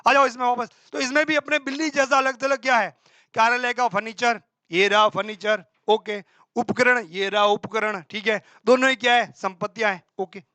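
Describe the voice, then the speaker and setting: A male teacher running a quick exam-prep accounting class, quizzing himself aloud and answering in a student's voice, with homely examples. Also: very high voice, fairly even intonation, bright, forceful tone, clear, resonant tone, dry recording. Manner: brisk and colloquial, with homely examples.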